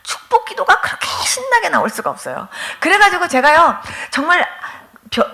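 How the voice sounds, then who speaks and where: A middle-aged woman pastor from Korea telling her testimony in a revival sermon, animated and emphatic, acting out the people she quotes, often near tears. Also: very high-pitched, normal speed, creaky.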